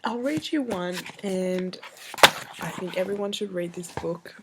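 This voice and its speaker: A woman's voice: lowish voice, lively intonation, measured pace. A woman talking casually in a vlog and reading bits from a book, with some background noise.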